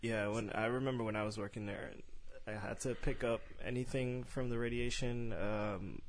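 A man's voice: medium pitch, steady tone, normal speed, slight background noise. A man hosting a podcast in casual chat, laid-back and joking, swearing now and then. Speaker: podcast host.

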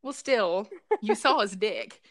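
A woman's voice: medium pitch, lively intonation, slow pace, a bit bright, no echo, clean studio sound. A young woman co-hosting a casual podcast, cracking crude jokes and telling rambling stories. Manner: crude, joking, storytelling. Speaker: podcast co-host.

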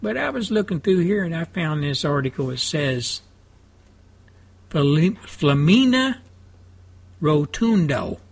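A man from South Texas hosting a talk radio show from his studio, rambling through a folksy monologue in a fairly even, drawling voice with homespun asides. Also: on the high side, slow pace, creaky, pauses often, breathy edge.

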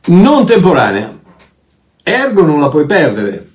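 A man preaching a sermon, emphatic and animated, often repeating words as he searches for them. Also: fairly high pitch, slow. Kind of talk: sermon teaching.

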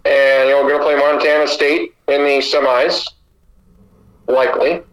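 A man's voice: medium pitch, little pitch movement, normal speed, a bit bright, poor audio. A man co-hosting a sports podcast, giving opinionated takes in long runs of casual chat. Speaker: podcast co-host.

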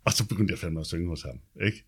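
A man with a deep bass voice telling his life story in a casual, chatty way. He tags his sentences with quick check-ins and swears now and then. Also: expressive, husky.

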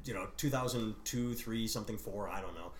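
A man chatting casually as a podcast co-host, opinionated and quick to swear. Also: lowish voice, roomy sound. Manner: profane, opinionated, animated storyteller. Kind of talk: casual chat.

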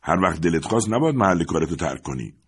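A man's voice: low voice, very animated, breathy edge, exaggerated voice. A man voicing a contemptuous factory foreman who grumbles, mocks and scolds. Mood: scornful.

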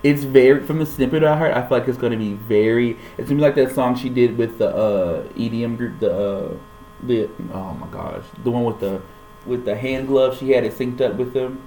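A playful man co-hosts a casual music news chat and throws in jokes. His voice has a middling pitch. The room sounds echoey, with a faint hum underneath. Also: brisk, dark tone. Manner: jokey, playful.

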